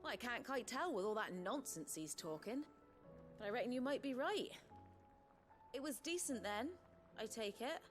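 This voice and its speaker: A woman's voice: a little high, expressive, moderate pace, pauses often, lightly acted. An actress playing a down-to-earth, teasing woman in a video game, plain-spoken and dry. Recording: music behind the voice.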